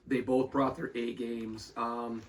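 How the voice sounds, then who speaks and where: A man's voice: mid-range voice, flat delivery, slow pace, slight background noise. A man co-hosting a casual pizza review podcast, often stammering and restarting his sentences.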